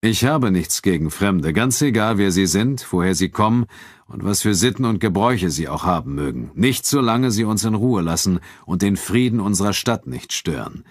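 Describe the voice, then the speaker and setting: A man reading an audiobook and voicing a calm, cold male town official who speaks in a measured, quietly firm manner. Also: lowish voice, dry recording, studio quality, voice pushed up.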